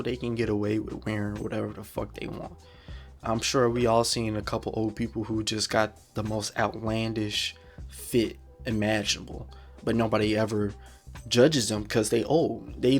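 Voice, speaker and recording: Blunt, profane young man ranting. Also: fairly low pitch. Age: 20s. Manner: blunt, profane, slangy, repetitive. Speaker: podcast host. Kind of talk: casual solo podcast rant.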